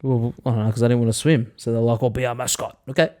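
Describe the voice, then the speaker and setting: A man's voice: medium pitch, level tone, fast talker, a little mellow. An Australian man chatting casually as a podcast co-host, with a laconic manner, short repeated phrases and easy swearing. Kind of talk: casual chat.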